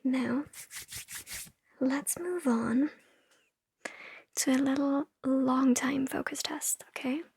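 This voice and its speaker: A woman whispering ASMR instructions in a breathy, mostly unvoiced voice, repeating short phrases and words over and over. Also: high-pitched, fairly even intonation, takes it slowly, pauses often, a little mellow, no room sound. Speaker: ASMR creator. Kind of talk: ASMR, whispered instructions in a playful focus test.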